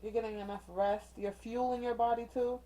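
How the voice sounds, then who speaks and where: A woman with a mellow, darker tone runs a casual card reading at home, talking straight to her viewers. She is chatty and encouraging, and she keeps checking in with a quick "okay?". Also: on the high side, fairly even intonation, poor audio. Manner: chatty and encouraging, uses slang and mild cussing substitutes. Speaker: tarot reader. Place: indoors with a ring light.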